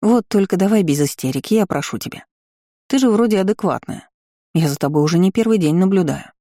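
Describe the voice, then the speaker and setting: A woman's voice: medium pitch, expressive, fairly quick, mellow, no room sound, studio quality, pitched above the performer's own voice. A woman voicing a mocking, lazy and bossy ancient female dragon spirit in an audiobook.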